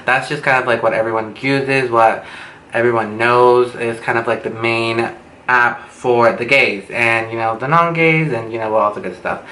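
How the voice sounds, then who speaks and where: A young beauty vlogger tells a story in a casual storytime vlog, chatty, campy and dramatic, with gossipy drawn-out words and a slight lisp from wearing retainers. His mid-range voice is steady, pushed and bright. The room is echoey, with faint background noise.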